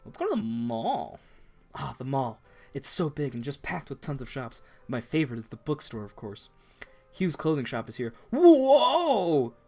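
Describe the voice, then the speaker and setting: A man's voice: mid-range voice, animated, normal speed, faint music behind. A man giving casual, chatty commentary while playing a romance game. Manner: chatty, reads text aloud. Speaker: let's play host. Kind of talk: gameplay commentary.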